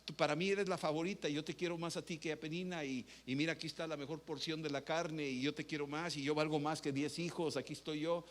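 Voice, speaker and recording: A man's voice: on the high side, fairly even intonation, quick pace, few pauses, close to an everyday voice. Brief: a man doing a soothing husband, coaxing. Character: doting husband comforting his wife.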